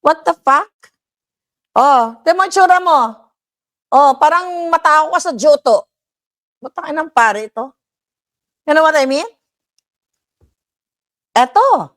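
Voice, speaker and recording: Woman, high voice, foul-mouthed heated reaction commentator. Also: lively intonation, slow, pauses often. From Philippines. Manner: profane, ranting, switches between Tagalog and English.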